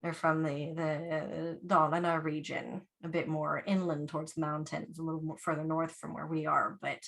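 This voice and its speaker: A woman's voice: low-pitched, little pitch movement, normal speed, gravelly, a bit bright. Chatty woman on a video call. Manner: laughs often, chatty. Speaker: yarn dyer, guest. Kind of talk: casual video call chat.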